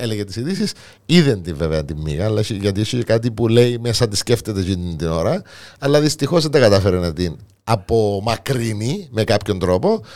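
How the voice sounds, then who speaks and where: A man with a Greek Cypriot accent co-hosting a show, telling news in a casual, halting, colloquial way. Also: mid-range voice, a little mellow. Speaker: co-host of a comic news show. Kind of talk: casual news chat and banter.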